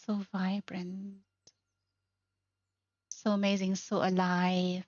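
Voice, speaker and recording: A woman guides listeners through a game house, heaping lavish praise on everything in a slow, deliberate way. Now and then she slips into playful baby-talk. Her voice is dry and a little dull, with faint music behind it. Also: mid-range voice, monotone, darkish tone, no room sound. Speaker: host of a game house tour. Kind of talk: casual tour commentary.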